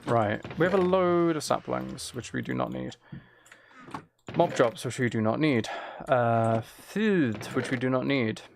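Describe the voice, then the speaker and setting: A man's gravelly, medium-pitched voice, a little slow, comes through with a little hiss or hum. He hosts a casual game livestream, muttering to himself while playing, repeating phrases, and chatting with viewers by reading and answering their messages.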